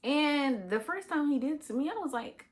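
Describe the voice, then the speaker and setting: A woman vlogger telling her own story in a candid, conversational monologue, halting, with many fillers and restarts. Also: high voice, animated.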